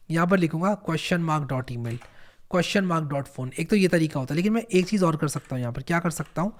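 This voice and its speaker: Young man, programming teacher, slightly high voice, chatty and encouraging, repeats himself, coding tutorial. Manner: conversational, repeats points, coaxing and encouraging. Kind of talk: screen-recorded coding tutorial.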